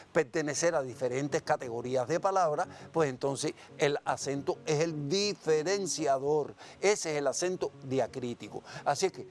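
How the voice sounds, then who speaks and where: A man from Cuba teaching a televised classroom lesson, explaining slowly and asking and answering his own questions. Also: on the high side.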